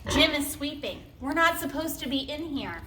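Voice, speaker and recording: A woman's voice: high-pitched, animated, normal speed, bright, forceful tone, reverberant, a little hiss or hum. A woman reading the lines of a bossy young schoolboy in a story. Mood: hushed. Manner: bossy, shushing.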